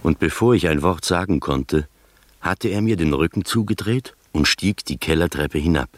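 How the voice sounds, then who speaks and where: In a radio drama, an actor plays a skeptical gentleman narrating his uncanny adventure in a measured, literary way. The low voice is expressive, and the mood is measured and suspenseful.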